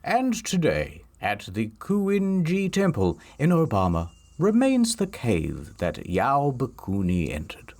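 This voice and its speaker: A man narrating a comedic history video, wry and storytelling, with sudden swings in pitch. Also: huge pitch swings, takes it slowly, few pauses, a little mellow.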